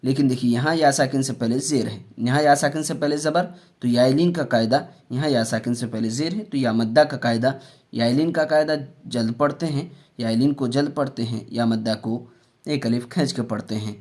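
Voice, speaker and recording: A man teaching Quran reading, spelling out letters and syllables slowly and explaining rules in quicker asides. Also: mid-range voice. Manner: slow drawn-out syllable drills, then fast quieter explanations.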